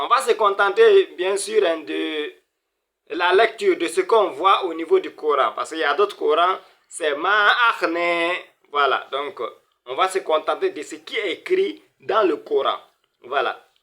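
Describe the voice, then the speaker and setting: A man's voice: fairly high pitch, pushed and bright. A man teaching a beginner Arabic reading lesson, sounding out words syllable by syllable and repeating them. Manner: greets viewers as brothers and sisters.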